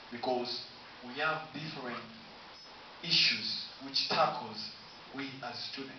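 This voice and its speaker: A man from Tanzania, a public policy student, giving a formal, halting campaign speech for student council in a university room. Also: mid-range voice. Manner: formal, listing points, slow halting delivery. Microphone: camera from afar, no mic. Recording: distant echoey room, dull hissy sound.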